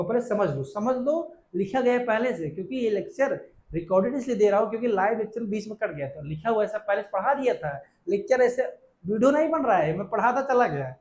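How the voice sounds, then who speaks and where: A man teaching a physics lecture, who asks questions and answers them himself, calls his students by pet names and reads definitions out slowly for dictation. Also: sits high, darkish tone. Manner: calls students beta and affectionate nicknames. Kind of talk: recorded classroom lecture.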